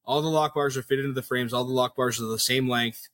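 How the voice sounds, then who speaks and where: A man's voice: mid-range voice, steady tone, fast, a bit bright. A man in casual shop talk, explaining technical machining steps one by one like an experienced machinist advising a colleague. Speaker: machinist advising a fellow knifemaker.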